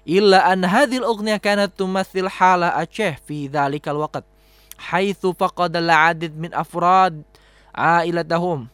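A man's voice: high-pitched, a bit bright, clear, resonant tone, no room sound. A man presenting a radio programme, reading a prepared script. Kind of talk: scripted radio narration in Arabic.

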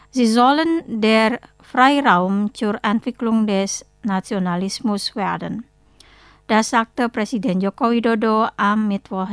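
Slow, measured woman reading news. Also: a little high, clear, resonant tone, dry recording, clean studio sound. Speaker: news presenter. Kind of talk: read news bulletin.

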